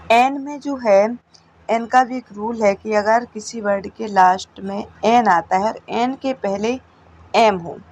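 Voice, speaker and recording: Woman teacher, unhurried step-by-step lesson, faint background hum. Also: mid-range voice, poor audio. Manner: slow, with repeated checks like "theek hai". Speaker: English teacher. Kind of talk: explaining a classroom lesson.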